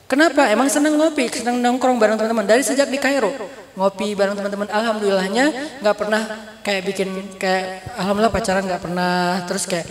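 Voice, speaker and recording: A man giving a casual sermon to young people, telling stories lively in relaxed everyday slang, recorded in a mosque hall. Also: very high voice. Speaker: preacher. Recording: echoey hall with long reverb.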